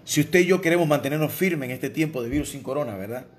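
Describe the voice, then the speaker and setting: A man with a Venezuelan accent, a pastor preaching a sermon, who moves between soft low asides and raised emphatic lines and keeps asking "¿verdad?". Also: lively intonation, fast talker. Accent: Venezuelan Spanish.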